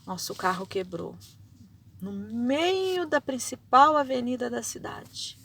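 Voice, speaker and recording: A woman's voice: a little high, animated, slow pace, gravelly, husky, recorded from a distance. Dramatic woman preaching. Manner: dramatic, swings between loud outbursts and hushed whispers. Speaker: preacher giving testimony. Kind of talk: sermon.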